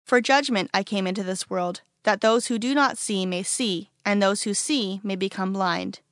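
A woman reading the part of a calm, authoritative male teacher in a storybook, speaking bluntly. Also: mid-range voice, moderate pace, dry recording, studio quality, close to an everyday voice.

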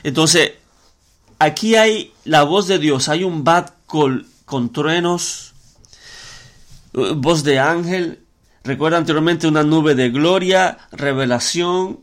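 A man's voice: on the high side, slow. A man preaching a sermon in an earnest way, often repeating words and using fillers as he works through scripture.

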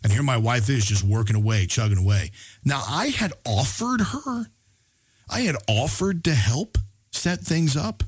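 Husky-voiced man telling a story. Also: mid-range voice, expressive. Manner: earnest, frequent stammered restarts; slows down to stress key words. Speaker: podcast host. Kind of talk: personal story and motivational talk.

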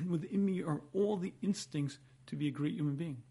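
Man, rabbi lecturing, husky, mellow, throat-clearing, emphatic repetition. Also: fairly high pitch, moderate pace. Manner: emphatic, rhetorical questions and repetition. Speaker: rabbi giving a Torah lecture. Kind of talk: religious lecture, explanatory teaching.

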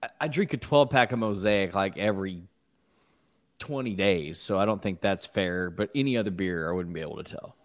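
A man's voice: low-pitched, brisk. A man co-hosting a casual podcast, questioning the others skeptically and pressing for answers. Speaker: podcast co-host. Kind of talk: casual chat.

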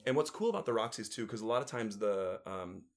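A man from musical theatre appears as a guest, chatting casually and telling stories full of fillers and restarts. He talks fast in a fairly low, expressive voice.

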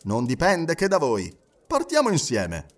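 A man voicing an impassive, precise English gentleman who speaks calmly and in measured tones. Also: fairly high pitch, far from the mic, full character voice. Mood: composed. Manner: calm, measured, unhurried.

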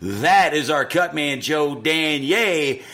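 A man announcing a show introduction like a ringmaster, booming and drawing out his phrases. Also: animated, slow pace, bright, forceful tone.

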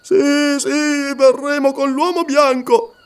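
A man's voice: very high-pitched, level tone, takes it slowly, voice pushed up. A man doing a stammering terrified tribesman. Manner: stammering, trembling. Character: frightened male tribesman, cowering.

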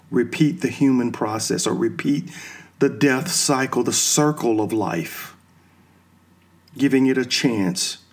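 A man's voice: medium pitch, slightly rough. A man talking through his ideas in an unscripted monologue, asking himself questions and then answering them. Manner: slow, musing explanations drawn from films and religion.

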